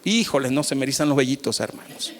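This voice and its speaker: A man, preaching a sermon as pastor, swinging from loud calls to soft, low asides. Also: expressive, fast, in a large hall.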